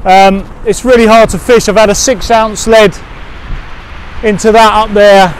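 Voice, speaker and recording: A man in his forties vlogging as he sea-fishes from a windy harbour wall, rambling with many fillers and excited when he gets a bite. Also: high-pitched, unhurried. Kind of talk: casual outdoor vlogging. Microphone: action camera at arm's length.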